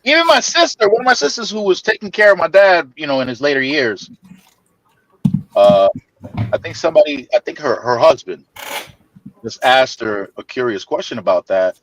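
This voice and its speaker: A man telling a long family story in casual chat, laughing often, stammering over restarts and jumping into high voices to mimic people. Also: sing-song, normal speed, dull audio.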